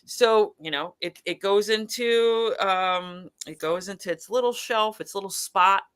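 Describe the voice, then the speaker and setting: A woman in a casual chat as a guest, telling a lab story with lively acted-out quotes and many restarts. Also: medium pitch, unhurried, clear, resonant tone.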